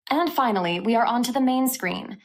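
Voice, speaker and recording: A woman hosting a tech channel, walking through a software review step by step in an upbeat way. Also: fairly high pitch, animated, brisk.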